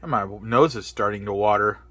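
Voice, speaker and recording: A man's voice: lowish voice, a little fast, fairly bright tone, no room sound. A man casually reviewing spicy noodles on camera, exclaiming between bites as the heat builds. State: mouth burning from spicy food. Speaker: product reviewer. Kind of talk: casual food review vlog.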